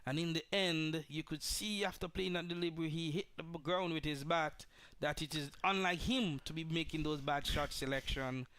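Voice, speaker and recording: Higher-voiced male cricket co-commentator. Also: fairly bright tone, smooth, no echo. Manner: measured, explanatory, with frequent murmured agreement. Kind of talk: live sports commentary analysis.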